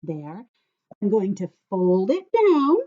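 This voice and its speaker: The audio is dull, but her medium-pitched voice is mellow, very animated and slow. A children's teacher hosting an online story time, she patiently takes little ones through a craft step by step using simple words, a sing-song delivery and frequent check-ins, recorded on her computer's built-in camera and microphone.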